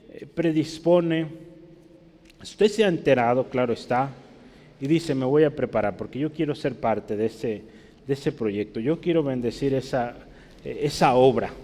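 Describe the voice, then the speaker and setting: A man's voice: fairly high pitch, darkish tone, in a large hall. A man preaching a teaching sermon in a church, explaining in a conversational way and often checking with his listeners.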